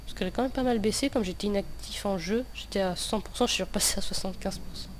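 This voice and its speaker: A man's voice: high-pitched, quick pace. A young man with a lisp that slurs his s sounds, giving hesitant, rambling, self-correcting commentary over gameplay. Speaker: gaming video host. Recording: noticeable background noise.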